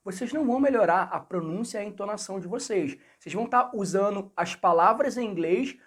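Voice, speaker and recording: A man with a Rio de Janeiro accent giving a casual video lesson on learning English, chatty and speaking straight to viewers. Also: high voice. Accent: Rio de Janeiro Portuguese. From Brazil. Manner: chatty, repeats phrases, addresses viewers directly. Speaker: English teacher.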